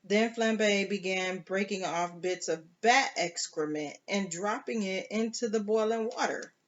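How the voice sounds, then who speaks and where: A reader works through a novel aloud at an unhurried pace. The reading stumbles now and then with fillers and restarts and breaks off for chatty asides. The recording is dull and lo-fi. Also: medium pitch. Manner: slow, halting, with fillers and self-corrections. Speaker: storybook reader.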